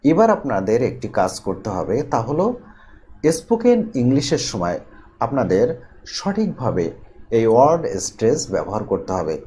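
Deliberate male teacher, mellow, lively pitch. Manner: slow, deliberate, stresses key terms, reads out example words one by one. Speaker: English teacher. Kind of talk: instructional explanation.

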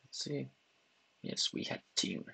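Over background noise, a man narrates a screen-recorded software tutorial while clicking through it. He speaks haltingly, often restarting and using fillers.

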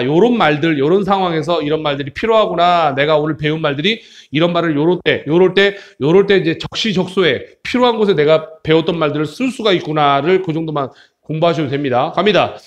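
A man who teaches English to children in a playful, joking way, mixing explanation with slow English phrases. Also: a little high. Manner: playful, jokey, switches between Korean explanation and slow English. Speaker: English tutor. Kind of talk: animated English lesson for children.

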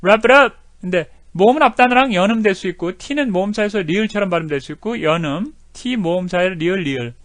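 A man teaching an English video lesson, animated, repeating words over and over to demonstrate how they sound. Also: high voice, fast, few pauses, no echo, studio quality.

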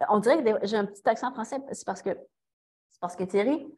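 A young Québécois woman, a cyclist and guest speaker, gives a casual talk and takes questions over a laptop webcam video call from a small office in front of a banner. Her medium-pitched, darkish voice moves fast with a Quebec French accent. She's chatty and laughs easily, with many fillers and restarts.

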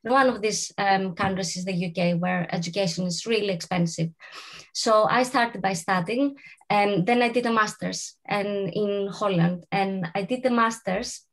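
A woman's voice: mid-range voice, normal speed. A woman from Greece, speaking earnestly and emphatically as a panelist over a video call. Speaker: panelist, head of UX research. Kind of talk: panel answer, casual. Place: home room with large windows.

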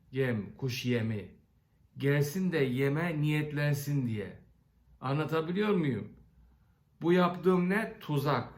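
A man giving a parliamentary floor speech, using sarcastic, folksy storytelling and rhetorical questions. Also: fairly high pitch. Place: large parliament chamber. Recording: echoey chamber sound.

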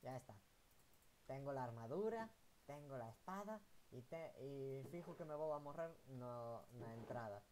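A man's voice: medium pitch, lively intonation, normal speed, darkish tone, a little hiss or hum. A man chatting and joking casually while playing a video game with friends. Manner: joking, sings snatches of a song. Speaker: gamer. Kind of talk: casual gaming chat.

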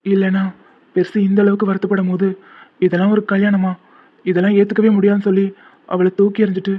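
A devoted young man from a cartoon love story, voiced by a man, speaking earnestly in a high, level voice. The sound is tinny and phone-like. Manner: earnest, soft-spoken comforting. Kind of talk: cartoon voice acting.

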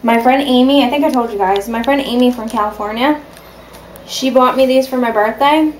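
A woman's voice: a little high, a little fast, a little hiss or hum, rough recording. A woman vlogging from home in a casual, rambling way, with lots of ums and restarts. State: has the hiccups. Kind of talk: casual vlog chat. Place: at home, indoors.

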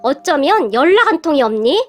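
A woman doing a greedy middle-aged aunt who taunts and mocks in a high voice. The voice sits high. It is a storybook reading with faint music underneath. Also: big pitch swings, normal speed. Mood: sneering. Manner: mocking, taunting.

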